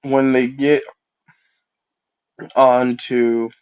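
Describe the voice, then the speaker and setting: A man with a cold and a congested nose makes up fan fiction as he goes, casual and rambling, correcting himself often. He talks extremely slowly in a level, medium-pitched voice that is darkish, clear and resonant. A dull lo-fi mic records him.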